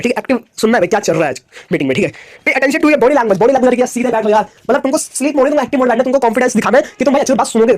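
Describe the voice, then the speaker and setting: Fast-talking man giving a casual lecture. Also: very high-pitched, darkish tone. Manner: rapid, repetitive, asks "theek hai?" often. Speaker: commerce lecturer. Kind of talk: casual Hinglish classroom lecture.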